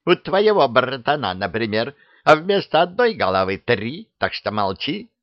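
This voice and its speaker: A man voicing a quarrelsome old witch woman in a raised, shrill, squabbling voice, in a dull, dry recording. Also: big pitch swings, normal speed, no room sound, natural voice. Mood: snapping.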